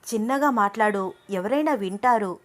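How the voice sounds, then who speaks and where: A bashful young woman in love, soft and coy, teasing her husband in a storybook romance, as a female narrator puts her on. She speaks a little higher and brighter than plain narration. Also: normal speed, faint music behind, lightly acted.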